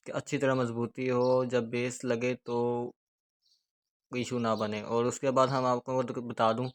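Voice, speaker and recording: A man with a Pakistani Urdu accent giving a hands-on speaker repair tutorial, explaining each step steadily as he works. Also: mid-range voice. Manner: steady, repetitive explaining while working with hands.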